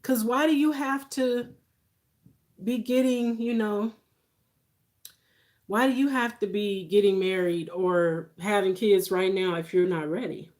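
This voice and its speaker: A woman in her forties hosts a casual livestream, offering viewers reassuring, conversational advice. Her mid-range voice has a darkish tone and a measured pace, broken by long pauses.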